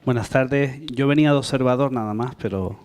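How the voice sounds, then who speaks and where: A man's voice: mid-range voice, a little fast, a little mellow. A man from the Canary Islands, an audience member putting long, polite questions to a workshop panel. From Canary Islands, Spain.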